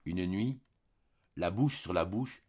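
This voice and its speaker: A man reads a classic novel aloud with lively, dramatic expression. His voice is low and husky. The recording sounds dull and lo-fi. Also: slow pace. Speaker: volunteer audiobook reader. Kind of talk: audiobook narration of a classic novel.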